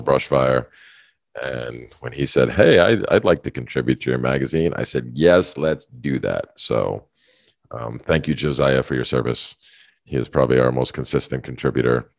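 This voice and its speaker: Very deep-voiced man, casual podcast rambling. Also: gravelly, no echo, studio quality. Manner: rambling, self-interrupting, laughs often. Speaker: podcast co-host. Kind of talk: casual chat.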